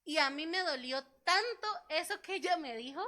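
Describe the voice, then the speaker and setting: A woman pastor delivers a sermon in a church, her voice high and bright. She tells a personal story, acts out the voices of the people in it, and keeps turning to the congregation with questions. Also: lively intonation, normal speed. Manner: storytelling, acts out quoted dialogue; asks the congregation rhetorical questions.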